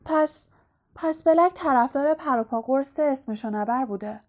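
A woman's voice: high voice, darkish tone, voice pushed up, close to an everyday voice. A woman voicing Harry Potter, a flustered, apologetic teenage boy wizard.

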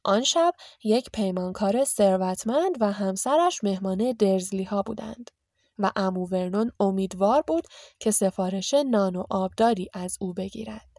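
A woman narrating a children's novel as an audiobook with steady storytelling. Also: mid-range voice, dry recording, studio quality. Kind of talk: audiobook reading.

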